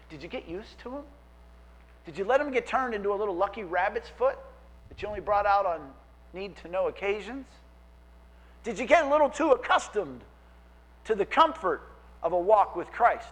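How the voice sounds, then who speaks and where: A man preaching a sermon as pastor, animated and acting out quoted voices. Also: high-pitched, rough recording.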